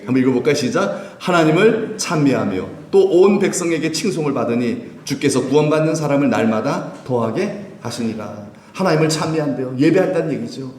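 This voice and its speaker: This fairly high-pitched preacher moves briskly, barely pausing, his voice carrying through the roomy acoustics of a church sanctuary. It's an animated Sunday sermon built on call-and-response, with questions to the congregation that he answers on his own.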